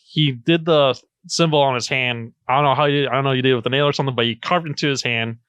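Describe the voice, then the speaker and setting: A man co-hosting a casual anime podcast, adding short, relaxed comments. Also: mid-range voice, quick pace, clear, resonant tone, dry recording. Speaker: podcast co-host.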